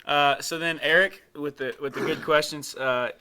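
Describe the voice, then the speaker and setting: A young man hosting a casual interview, easygoing and halting, with frequent fillers and restarts. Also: fairly high pitch, steady tone, pushed and bright, clean tone. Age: young adult. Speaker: host.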